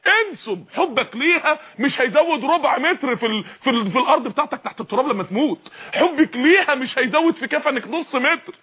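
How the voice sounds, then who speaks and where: A man with an Egyptian Arabic accent preaching a sermon, pressing the audience with repeated questions in a husky voice. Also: extremely high pitch, lively intonation, fast talker, few pauses, pushed and bright.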